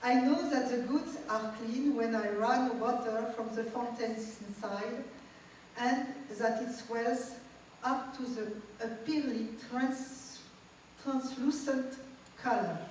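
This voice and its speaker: Woman, slow and slightly high, reading a memoir from a distant mic in a big echoey hall. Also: steady tone, a little mellow, slight background noise. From Tunisia. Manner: measured, reflective storytelling. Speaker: guest speaker. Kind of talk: reading a personal memoir aloud. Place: large event hall.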